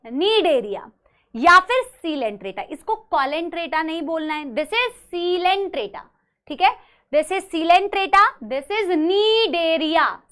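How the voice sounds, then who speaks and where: A woman with a very high, bright voice leads an online biology lesson. She drills each term slowly and keeps asking her students to repeat after her. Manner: slow drilled pronunciation, asks students to repeat. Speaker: biology teacher. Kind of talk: online class lecture.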